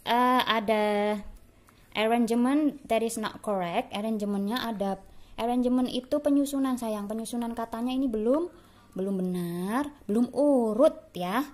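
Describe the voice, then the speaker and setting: A woman's voice: fairly high pitch, darkish tone. A woman teacher with an Indonesian accent giving a bilingual English lesson to young pupils, repeating words for them to copy and calling them dear. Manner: affectionate, calls pupils dear. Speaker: primary school English teacher.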